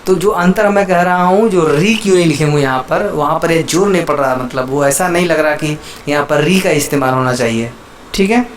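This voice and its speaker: A man's voice: a little high, fairly quick, slight background noise. A man teaching Hindi letters to viewers, patiently repeating each example word and checking in with the listener again and again.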